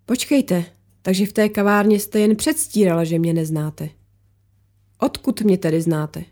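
A guarded war photographer snaps and pushes back, as a woman reads her lines. Her voice stays mellow and dark even when she bristles, sharp and defensive in manner. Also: mid-range voice, lightly acted. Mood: agitated. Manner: defensive, snapping, agitated.

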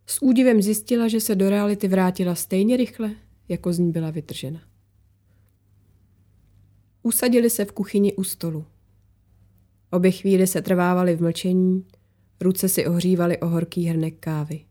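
Woman narrating with a dark, mellow voice. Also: on the low side, steady tone, long pauses. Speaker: audiobook reader. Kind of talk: scripted narration.

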